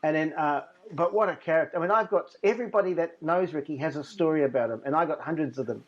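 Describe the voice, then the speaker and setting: Male guest, slightly high voice, halting casual memories, muffled remote audio. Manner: reminiscing, halting restarts. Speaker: guest magician. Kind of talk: casual interview chat. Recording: dull lo-fi remote line.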